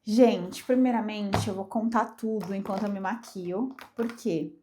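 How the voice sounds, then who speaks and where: Loud music plays behind this woman's steady, mid-range, unhurried voice. She's a young Brazilian vlogger with a cold, her congested speech casual and emphatic as she chats personally to camera.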